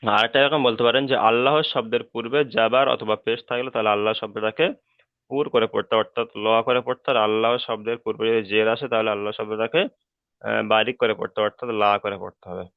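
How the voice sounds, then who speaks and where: A man teaching Quran reading over an online call, patient and repetitive, stretching out each chanted example. His voice is smooth and clear, but the sound is thin and phone-like, and the room is dry. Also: fairly low pitch, fairly even intonation, brisk, no echo. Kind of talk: online Quran recitation lesson.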